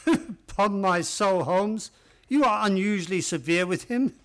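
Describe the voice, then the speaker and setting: A man plays a detective's loyal doctor friend in a radio drama. His voice is high for a man. He speaks in a genial, courteous, old-fashioned way. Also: lively intonation, slow pace. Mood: amused, curious. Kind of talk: radio play acting.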